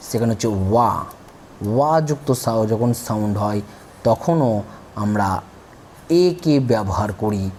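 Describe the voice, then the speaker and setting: A man's voice: lowish voice, darkish tone, slight background noise. A man teaching a grammar lesson, spelling out words letter by letter and explaining patiently. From India.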